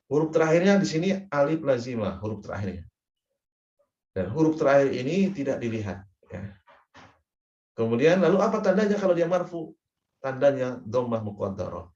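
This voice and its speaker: A man giving a patient grammar lesson, going over each term several times and pausing to check that it has landed. His voice sits in an echoey room and comes through a dull, lo-fi recording with the highs rolled off. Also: a little mellow. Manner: patient, repeats terms and checks with frequent "ya". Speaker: Arabic grammar teacher. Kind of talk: classroom lecture.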